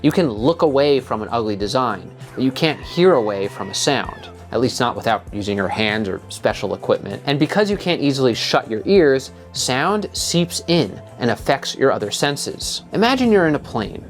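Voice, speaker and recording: A man's voice: medium pitch, sing-song, normal speed, hardly any pauses, faint music behind. A man hosting a design video, giving scripted narration with an explanatory, punchy delivery.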